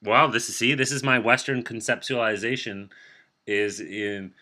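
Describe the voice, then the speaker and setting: A man hosting a podcast interview, talking in a relaxed, chatty way from his kitchen. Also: fairly low pitch, moderate pace. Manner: relaxed, chatty, laughs easily. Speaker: podcast host. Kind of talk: casual interview chat.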